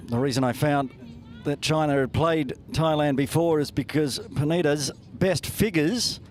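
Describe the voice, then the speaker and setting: A man co-commentating on a cricket match, calmly adding statistics and replay analysis. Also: fairly high pitch, a little hiss or hum. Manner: measured, citing past statistics. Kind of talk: live sports analysis.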